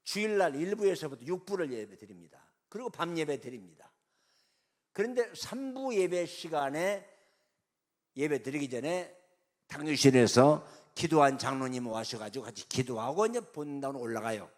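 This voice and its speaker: A man's voice: medium pitch, animated, fairly quick. A middle-aged male pastor telling a story in a revival sermon, acting out the voices of the people he quotes.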